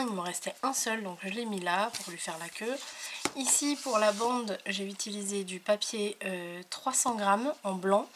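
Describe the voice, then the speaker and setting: A woman's voice: medium pitch, a bit bright, a little hiss or hum. Chatty woman showing a craft. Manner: hesitant, many filler sounds and restarts. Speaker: papercraft video maker. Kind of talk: casual craft show-and-tell.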